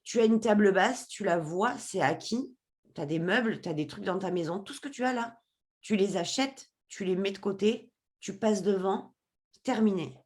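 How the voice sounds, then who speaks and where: Her voice is mid-range and somewhat dark, moving at a moderate pace as she tells a personal story on a podcast as a guest. She narrates expressively, voicing the people in her story while acting out their conversations.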